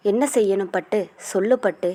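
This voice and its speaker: A woman voicing a young husband who pleads softly and tenderly with his crying wife. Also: mid-range voice, normal speed, close to an everyday voice. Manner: soft, pleading, affectionate.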